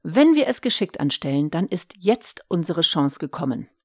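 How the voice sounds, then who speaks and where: Sly sheepish husband read by a woman, hasty coaxing talk, bit raised and louder than her plain reading, dry close sound. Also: lowish voice, very animated, normal speed, dry recording. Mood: wheedling. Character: sly, sheepish middle-aged husband, man.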